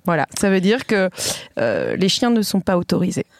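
A woman's voice: lowish voice, huge pitch swings, normal speed, creaky, no echo, clean studio sound. A woman guest in a casual podcast chat, giggly and stumbling as she reads aloud.

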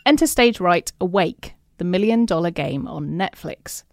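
A woman's voice: lowish voice, animated, measured pace, dry recording, studio quality. Giggly woman reading notes. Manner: giggly, laughs often. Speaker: podcast co-host. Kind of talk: reading notes mixed with casual chat.

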